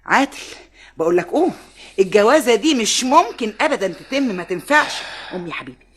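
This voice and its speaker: A woman's voice: on the high side, big pitch swings, fast talker, a bit bright, husky, heavily acted. An actress playing a proud, touchy middle-aged mother of a suitor, speaking with an Egyptian accent in a sarcastic, indignant way. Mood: exasperated. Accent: Egyptian Arabic. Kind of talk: classic film acting.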